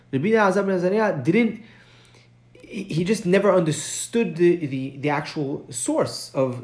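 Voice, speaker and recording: A man's voice: a little high, darkish tone. A man teaching a recorded study lesson, explaining a text step by step, often checking in with "right?" and stressing key points with his voice rising. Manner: chants source text quickly. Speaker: Mishnah teacher.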